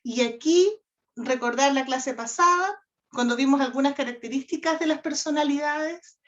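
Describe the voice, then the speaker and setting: Woman instructor, higher voice, steady lecture with "¿cierto?" check-ins, muffled lo-fi sound. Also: moderate pace. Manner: addresses class directly, frequent "¿ya?" and "¿cierto?" check-ins. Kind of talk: online lecture on communication. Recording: dull lo-fi audio.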